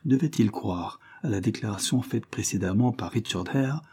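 A man reading a classic novel aloud in a measured, steady manner. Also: on the low side, husky. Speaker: audiobook reader. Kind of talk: scripted literary narration.

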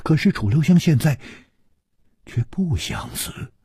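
A man narrating a martial arts novel as a storyteller, dramatic and swinging between loud and hushed. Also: a little high, expressive, unhurried, slightly rough, no echo, clean studio sound.

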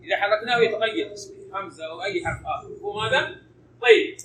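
High-pitched male teacher quizzing a class. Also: big pitch swings, pushed and bright. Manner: quizzing students with rapid questions. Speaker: Arabic grammar teacher. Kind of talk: classroom grammar lesson. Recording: echoey room, distant mic, background noise.

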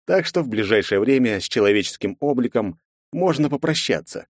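A man narrating a fantasy audiobook in the first person, measured and reflective. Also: mid-range voice, animated, no echo, studio quality.

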